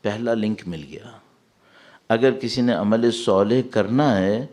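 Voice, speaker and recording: In a large mosque hall before a congregation, a male preacher gives a Muharram sermon, reciting verses and questioning his listeners. His voice is lowish with a darkish tone, and he blends English words into his Urdu.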